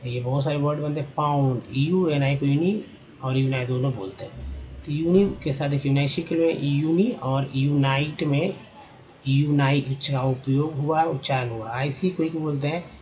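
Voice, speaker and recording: Male tutor, a bit high-pitched, slow repetitive delivery for a pronunciation lesson. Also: darkish tone, dull audio, a little hiss or hum. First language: Hindi. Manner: slow, repetitive, drawn-out demonstrations of sounds. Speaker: English teacher.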